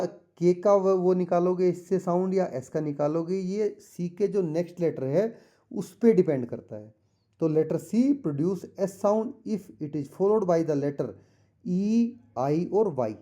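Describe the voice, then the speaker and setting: A male teacher going through a textbook chapter for exams, reading the English lines slowly and explaining them in Hindi, often checking with the pupils. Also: a little high, dark tone. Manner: often asks the pupils "ठीक है?". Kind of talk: exam-prep lesson explaining a textbook chapter.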